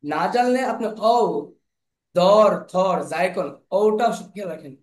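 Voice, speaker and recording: A man teaching English pronunciation in an online class, slowly repeating sounds and words over and over. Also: high voice, animated, a little mellow. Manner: slow, repeats sounds and words many times. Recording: echoey room.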